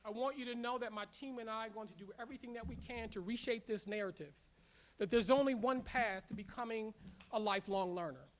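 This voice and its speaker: A school leader giving an emphatic graduation address in a large ceremony room, with repeated rallying phrases and halting filler words. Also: mid-range voice. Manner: emphatic, repetitive rallying phrases, leads call-and-response; halting with frequent "uh" fillers when speaking off-script. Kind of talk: commencement speech.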